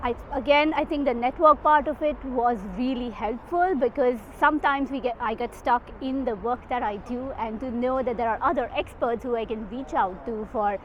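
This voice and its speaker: A psychotherapist attending a conference, a woman with an Indian accent gives reflective, slightly hesitant interview answers. Her voice is on the high side, at a moderate pace with few pauses. The recording sounds muffled, with clear background noise.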